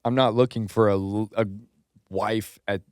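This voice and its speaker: A man in casual podcast chat, talking earnestly with hesitant, halting phrasing. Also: lowish voice, steady tone, a little mellow, dry recording, studio quality.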